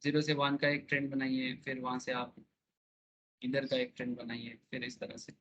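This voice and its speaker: A man's voice: mid-range voice, monotone, moderate pace, fairly bright tone, dull audio. A man teaching an online class, explaining with everyday analogies and checking in with his students.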